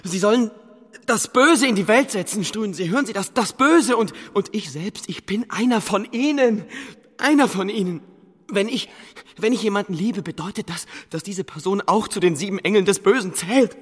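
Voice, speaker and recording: An actor playing a troubled young king in a radio drama, halting and pleading as he stammers out his fears. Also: high-pitched, fairly bright tone, breathy edge, big-room sound. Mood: anxious.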